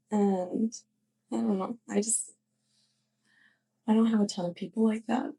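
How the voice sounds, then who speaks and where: In an intimate ASMR roleplay, a woman plays a sheepish young witch next door, speaking softly and slowly in a fairly high voice with a creaky, crackling edge. Shy and grateful, she confides in her neighbor haltingly and fondly, with hesitant giggles, keeping a steady tone and a full character voice throughout this soft monologue to the listener.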